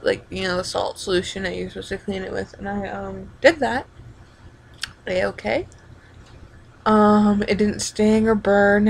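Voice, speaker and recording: Creaky-voiced young woman chatting casually. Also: medium pitch, slight background noise. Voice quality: creaky vocal fry. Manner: rambling, halting, informal with frequent backtracking. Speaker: vlogger. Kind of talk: casual chat video diary.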